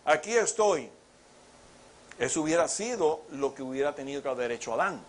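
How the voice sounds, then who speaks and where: A man's voice: mid-range voice, expressive, fast talker. A man preaching a sermon with rhetorical questions, acting out biblical dialogue as he goes.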